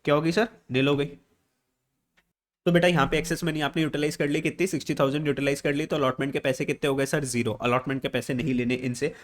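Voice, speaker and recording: A man's voice: a little high, fairly even intonation, fast. A man teaching an accounts lesson, asking questions and answering them himself, repeating key words, with an Indian English accent on the English terms. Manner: addresses students as beta and sir. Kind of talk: classroom lesson, whiteboard explanation.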